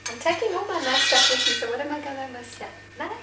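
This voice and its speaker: A woman's voice: high-pitched, lively intonation, quick pace, distant mic. A woman chatting casually and teasingly at home on an old family video. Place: indoors at a family home, kitchen. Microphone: home camcorder microphone. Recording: noisy old VHS tape, echoey room.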